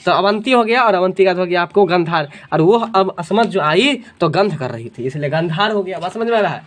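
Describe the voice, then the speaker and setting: A man's voice: high voice, lively intonation, fairly quick, fairly bright tone, a little hiss or hum. Male coaching teacher. He drills exam facts through call and response and checks in with students constantly. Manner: keeps checking if students follow. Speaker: general knowledge teacher. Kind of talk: exam coaching class with memory tricks.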